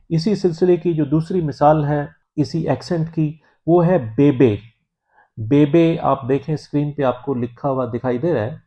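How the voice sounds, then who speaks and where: A man from Pakistan giving a language lesson, explaining in a measured, patient way with frequent hesitant pauses. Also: mid-range voice. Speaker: French teacher. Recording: dull lo-fi recording.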